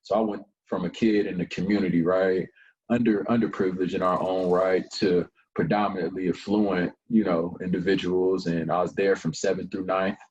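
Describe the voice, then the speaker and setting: Low, flat-voiced young man telling his story. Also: normal speed, muffled recording. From Colorado Springs, USA. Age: young adult. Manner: long-winded, relaxed storyteller with frequent fillers. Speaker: nonprofit founder and guest. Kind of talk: casual interview chat.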